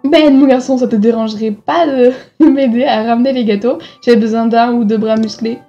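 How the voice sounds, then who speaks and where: A woman reading the lines of a fussing middle-aged mother in a game, bright and insistent. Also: on the high side, fairly even intonation, moderate pace, muffled recording, soft background music, lightly acted. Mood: cheerful.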